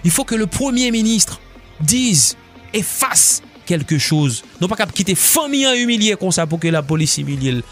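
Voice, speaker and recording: A man's voice: sits high, sing-song, normal speed, soft background music. A man hosting a radio show, giving emphatic news commentary that switches between Creole and French.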